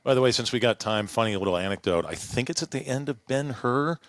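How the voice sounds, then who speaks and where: A man's voice: mid-range voice, lively intonation, quick pace, no echo. Man reading scripture in a dry booth. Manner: reads scripture aloud, tells light anecdotes. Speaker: podcast co-host. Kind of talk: casual Bible discussion and scripture reading.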